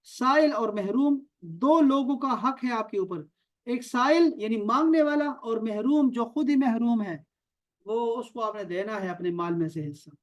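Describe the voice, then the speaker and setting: Man, online class teacher, repeats each word slowly, quizzes students, video call audio. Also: extremely high pitch, lo-fi sound. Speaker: Quran and Arabic teacher.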